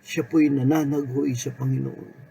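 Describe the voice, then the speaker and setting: A man preaching a sermon in an unhurried way, mixing Tagalog and English and repeating key words. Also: medium pitch, little pitch movement, gravelly, dark tone, slight background noise, low-quality recording.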